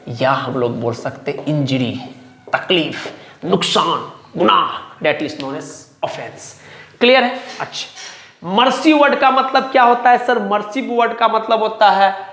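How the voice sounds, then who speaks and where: A male teacher giving a vocabulary lesson. He repeats each word, often checks whether it is clear, and asks and answers his own questions. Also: high-pitched, fairly bright tone. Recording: echoey room.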